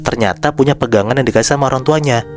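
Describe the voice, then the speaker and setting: A man hosting a podcast, telling a horror story in a relaxed, chatty way and addressing his listeners by name. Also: medium pitch, racing, soft background music. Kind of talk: casual spoken storytelling.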